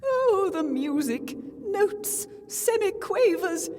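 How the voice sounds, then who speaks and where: An actress playing a grand, theatrical goddess of music in a video game. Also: female voice, very high-pitched, big pitch swings, slow pace, full character voice. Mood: delighted. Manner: theatrical, exclaiming. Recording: game audio with music and reverb.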